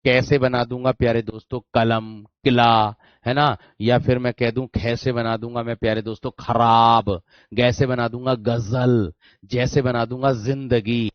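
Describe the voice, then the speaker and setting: A man teaching an online grammar class, drilling the same phrases over and over with heavy emphasis. His voice sits at an ordinary pitch and sounds close and dry, with no room around it. The recording is slightly muffled and lo-fi. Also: fairly even intonation, a little slow, no echo. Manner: repetitive, emphatic, calls students "my friend". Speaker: exam-prep teacher. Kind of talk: online Hindi grammar lesson.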